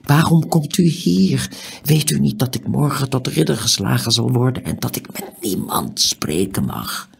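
A man voicing a young squire in an audiobook, in a whispered role-play, hushed, worried and a little cross. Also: sits low, normal speed, gravelly, a little hiss or hum. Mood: anxious. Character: young squire on the eve of knighthood, torn.

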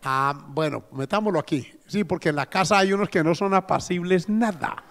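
A pastor with a Colombian Spanish accent preaches in a church hall, his voice sitting high with a fairly bright tone and moderate pace, echoing through the large space. Folksy in manner, he asks the congregation questions and often says "amén" and "gloria al Señor".

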